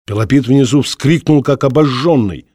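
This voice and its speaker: Male audiobook narrator, measured and dramatic, mid voice, dry close mic. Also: mid-range voice, darkish tone, husky, dry recording. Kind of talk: scripted narration.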